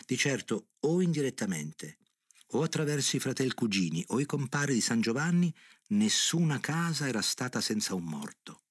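A middle-aged man reading a novel aloud in a measured, grave narrating voice. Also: medium pitch, sing-song, slightly rough, dry recording, studio quality.

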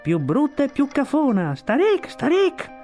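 Man playing a mocking seagull, very high, shrill, jeering. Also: wildly swooping pitch, measured pace, over music, full character voice. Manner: jeering, screechy.

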